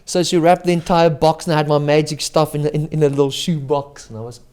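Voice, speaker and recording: A man's voice: a little high, fairly even intonation, fast talker, darkish tone. A man, a guest magician in a casual interview, speaks with a slight stutter and lisp and jokes about himself often. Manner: self-mocking, jokey, laughs often.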